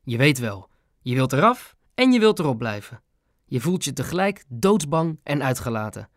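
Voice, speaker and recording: A man narrating a children's audiobook in a lively storytelling manner. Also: medium pitch, normal speed, no echo, clean studio sound.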